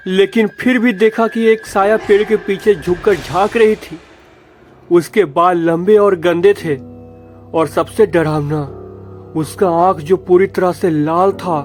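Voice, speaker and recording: A man's voice: high voice, a little mellow. A man doing a panicked stammering woodcutter. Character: terrified young male woodcutter, panting and shaken.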